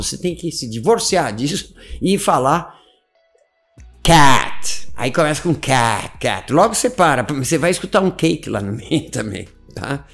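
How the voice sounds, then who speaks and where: A man gives a casual lesson with a somewhat high voice that swoops up and down. He sounds gravelly, repeats words often and keeps checking in with his listeners. Faint music plays underneath. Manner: animated, repeats words, frequent "tá?" check-ins. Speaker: English teacher.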